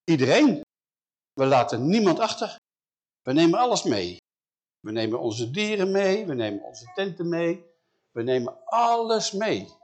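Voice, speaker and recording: A man's voice: a little high, very animated, measured pace, a little mellow. A man voicing an earnest prophet who insists firmly and with emphasis. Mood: insistent. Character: earnest male prophet, firm leader.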